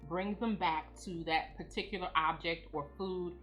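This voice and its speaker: Calm, low-voiced woman guiding a grounding exercise. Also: normal speed. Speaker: presenter of anxiety grounding techniques. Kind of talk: calm instructional explanation. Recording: music playing behind the voice. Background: background music.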